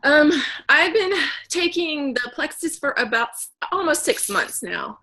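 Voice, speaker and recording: A woman giving a casual personal testimonial in a halting way. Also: high-pitched, sing-song, pushed and bright, rough recording. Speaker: participant giving a health testimonial.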